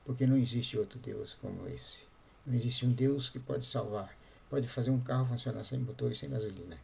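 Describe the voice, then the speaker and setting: A man's voice: mid-range voice, fairly quick, creaky, slight background noise. A pastor voicing a grateful father, once an unbeliever, who speaks in an earnest, pleading way. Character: grateful father, former unbeliever, now eager.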